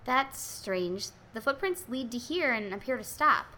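A woman playing a sharp, earnest sidekick. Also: on the high side, animated, unhurried. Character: level-headed, exasperated young woman sidekick. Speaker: detective's sharp assistant. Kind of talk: 1940s radio acting.

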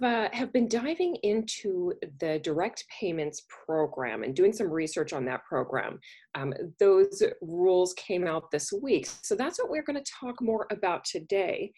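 A woman's voice: fairly low pitch, darkish tone, breathy edge. A woman from Minnesota hosting a podcast interview, chatty and conversational. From Minnesota, USA. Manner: chatty, with frequent fillers and restarts. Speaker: podcast host.

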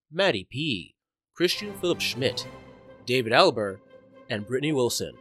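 A man hosting a tabletop role-play podcast, upbeat and quick to laugh in casual chat. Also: mid-range voice, fairly bright tone, dry recording, studio quality. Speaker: podcast host.

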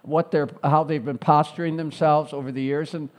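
Middle-aged man, earnest campaign-style talk, slightly high voice. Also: flat delivery, normal speed. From Chicago, United States. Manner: earnest, repeats phrases, stump-speech rhythm. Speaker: mayoral candidate guest. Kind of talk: radio talk interview.

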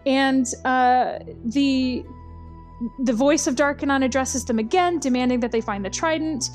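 A woman's voice: sits high, a little slow, darkish tone, faint music behind. A woman casually recapping a storyline, wry and chatty, with lots of ums and uhs.

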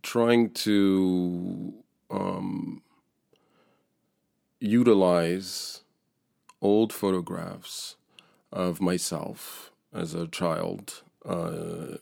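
A deep, gravelly man in his forties from France speaks slowly and thoughtfully, pausing often with fillers as he searches for words. His voice is very low and close on a dry mic. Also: steady tone, a little mellow, no echo. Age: 40s. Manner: hesitant, thoughtful, many fillers. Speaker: guest painter. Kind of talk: casual interview.

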